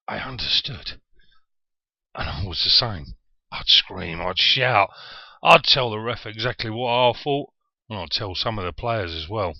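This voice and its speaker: Deep-voiced man telling his story, southern accent. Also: no room sound, lo-fi sound. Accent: southern English. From Yorkshire, England. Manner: self-deprecating, chatty and animated. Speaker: vlogger. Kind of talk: casual personal storytelling.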